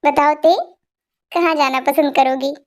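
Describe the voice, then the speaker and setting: Woman voicing a middle-aged father, affectionate, gentle, fan dub, high pitch. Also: fairly even intonation, unhurried. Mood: fond. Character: middle-aged man, fond indulgent father. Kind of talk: Hindi fan dub storytelling.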